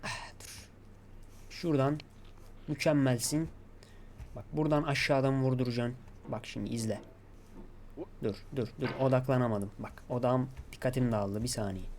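A man's voice: medium pitch, normal speed, pauses often, slight background noise. Man coaching himself through a game. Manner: talks to himself, coaxing and urging himself to stay calm. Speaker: gaming YouTuber. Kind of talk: gameplay commentary.

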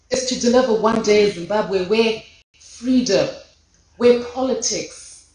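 A woman's voice: medium pitch, slight background noise. A woman giving an impassioned memorial tribute speech at a podium in a large lecture hall. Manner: impassioned, rhetorical, rising in force. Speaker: memorial speaker. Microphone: podium microphone.

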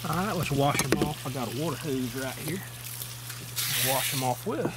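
A man's voice: medium pitch, animated, moderate pace. Folksy man over pump noise. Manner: plain, folksy, step-by-step explaining while working with his hands. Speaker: outdoor survival vlogger. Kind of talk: casual how-to demonstration. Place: outdoor camp table in the woods. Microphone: camera mounted overhead. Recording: water pump noise in background.

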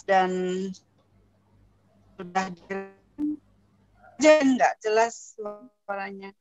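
A woman's voice: medium pitch, drawn-out words, darkish tone. A woman asking a question over an online call, her audio choppy and breaking up so her words come in fragments. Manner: speaks in broken fragments. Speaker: webinar participant asking a question. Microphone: video call. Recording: muffled lo-fi online call with music behind.

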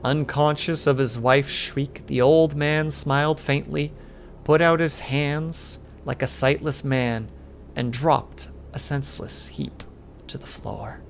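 A man streamer reading a classic horror story aloud in steady narration with small slips. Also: a little high, takes it slowly, creaky, a little hiss or hum.

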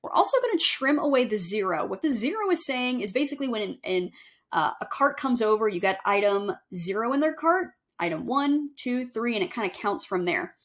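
A young woman giving a casual screen-share software tutorial, chatty and self-correcting as she walks through each step. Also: on the high side, big pitch swings, fairly quick. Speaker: email marketing instructor. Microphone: webcam overlay on screen recording.

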